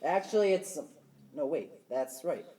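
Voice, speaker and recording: A woman's voice: low-pitched, animated, a little slow, dark tone. A woman playing an over-keen young male store clerk in a student stage play. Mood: eager. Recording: echoey stage from far off.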